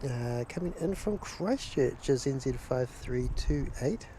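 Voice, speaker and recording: A man with a New Zealand accent hosts a live plane-spotting stream outdoors near a runway and seafront, chatting casually and enthusiastically. His mid-range voice has lively intonation and an unhurried pace, and he chuckles while reading viewer messages. Vehicle and ambient outdoor noise come through clearly.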